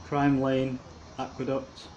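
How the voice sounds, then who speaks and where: A man's voice: medium pitch, completely flat delivery, takes it slowly, a little mellow, highs cut off, a little hiss or hum. A man, giving rambling, casual commentary as he walks along a city canal. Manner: rambling, chuckling asides. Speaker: canal walk video maker.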